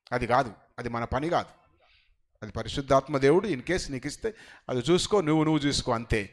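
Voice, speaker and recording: A middle-aged man preaching a sermon as pastor. He moves between quiet conversational asides and loud, rising emphatic passages. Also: on the high side.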